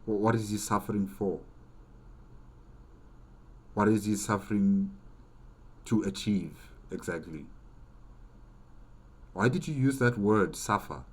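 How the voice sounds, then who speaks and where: With a fairly low, husky voice, a man hosts a reaction video, commenting casually and haltingly, repeating phrases and throwing out rhetorical questions.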